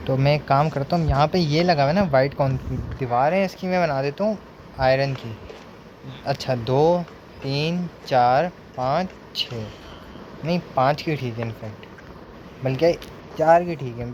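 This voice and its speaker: A man's voice: medium pitch, normal speed, darkish tone, lo-fi sound. A young man streaming a building game, chatting casually as he plays, counting blocks aloud and dropping English words into his talk. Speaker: gaming streamer. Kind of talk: casual gameplay commentary. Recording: noticeable background noise.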